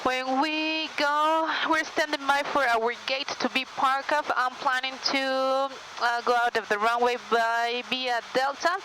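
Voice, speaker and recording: A woman's voice: high-pitched, fairly even intonation, unhurried, few pauses, pushed and bright, rough recording. A woman airline pilot, giving procedural briefings and explanations in the cockpit during flight. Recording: faint aircraft cockpit hum.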